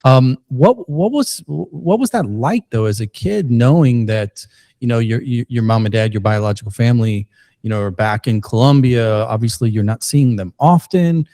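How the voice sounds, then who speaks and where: Expressive and mellow, the medium-pitched voice of a Missouri podcast host comes through in studio quality without echo. He conducts an interview with rambling, halting questions, plenty of jokes and frequent restarts.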